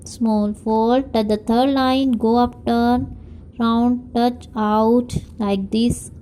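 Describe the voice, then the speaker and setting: A kindergarten teacher with an Indian accent talks children through spelling, letter by letter. Her voice sits a touch high, and she moves very slowly. She mixes Hindi and English, sounding out each letter with care. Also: steady tone, mellow, slight background noise. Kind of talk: spelling dictation lesson.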